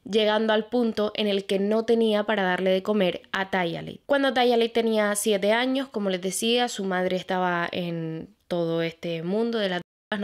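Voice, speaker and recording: A young woman hosting her own channel, telling a true crime case in a chatty way and speaking straight to her viewers. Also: mid-range voice. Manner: chatty, addresses viewers directly, fillers like "pues". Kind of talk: casual true crime narration.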